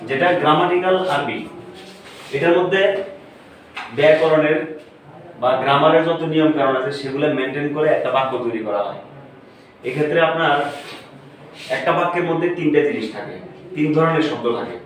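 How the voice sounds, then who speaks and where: A man's voice: fairly high pitch, brisk, long pauses. A man teaching an Arabic lesson, often repeating words and quizzing his listeners on them. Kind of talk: classroom lesson. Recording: echoey room, far from the mic, faint noise.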